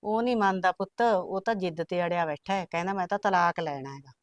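An older woman playing a worried village mother who pleads gently with her family. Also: on the low side, fast, dry recording, clean studio sound, lightly acted. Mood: consoling. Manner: soft coaxing pleas, repeated "putt". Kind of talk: rural family drama acting.

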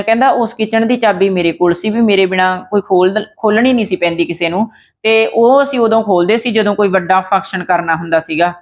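Woman retelling a true story. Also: medium pitch. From Punjab. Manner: conversational, with fillers and restarts. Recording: dull lo-fi sound.

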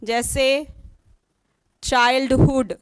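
A woman's voice: high voice, flat delivery, extremely slow, smooth, dry recording. A woman teaching an online exam-prep lesson, spelling words out letter by letter and asking questions she then answers herself. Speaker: English teacher.

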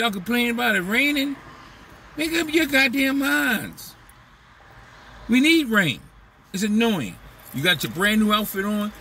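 A man's voice: sits high, sharp tone, far from the mic, a little hiss or hum. A man talking through a casual, profane, rambling comedic monologue as a vlog host, slipping into mocking voices. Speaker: vlogger host.

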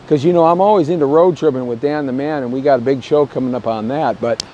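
A man's voice: mid-range voice, fast, dark tone, lo-fi sound. A middle-aged man hosting a casual real estate vlog while walking outdoors, talking in a chatty, rambling way into an earbud mic. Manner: chatty, rambling, self-promoting. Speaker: real estate show host. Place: outdoors on a downtown street. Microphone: earbud headset mic, phone at arm's length. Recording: faint street noise outdoors. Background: faint city street and traffic noise.

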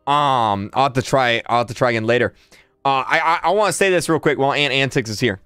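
A man in his twenties hosting a casual livestream, excitable and quick to laugh, repeating words as he reacts. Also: mid-range voice, clean tone, no echo, soft background music. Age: 20s. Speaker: livestream host.

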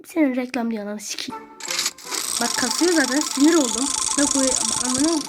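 Very high-pitched woman ranting while gaming. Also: a little fast, loud music behind the voice. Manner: irritable, swears constantly, rants at the game. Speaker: gaming video creator. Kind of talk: ranting gameplay commentary. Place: small bedroom at home.

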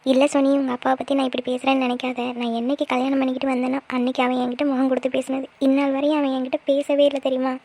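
A woman's voice: high voice, flat delivery, rapid-fire, hardly any pauses, dark tone. A woman voicing a tearful middle-aged aunt and mother in a cartoon, who pours out her sorrow in pleading, grieving complaints. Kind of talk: cartoon voice acting.

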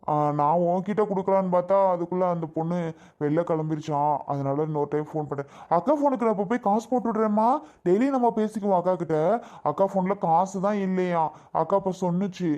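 A man's voice: sits high, quick pace, mellow, lightly acted. A man playing a grown son in a family skit, talking in a blunt, scolding way. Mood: reassuring. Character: blunt adult son, irritable.

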